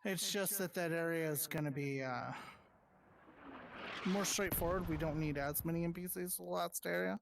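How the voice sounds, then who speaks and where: A game master in a casual online voice chat, handing out quick instructions and often restarting sentences. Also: medium pitch, vocal fry, background noise.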